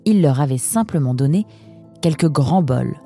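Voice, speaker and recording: A woman reading a children's novel aloud in a measured, even storytelling manner. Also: deep voice, faint music behind. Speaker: narrator. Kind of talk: audiobook narration.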